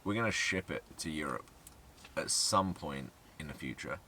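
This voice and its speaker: A man's voice: very deep voice, animated, normal speed, sharp tone, a little hiss or hum. A young man from southern England, co-hosting a casual Q&A and joking around playfully. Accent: southern English. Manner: joking, playful, breaks into silly sung ditties. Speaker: co-host. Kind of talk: casual Q&A chat.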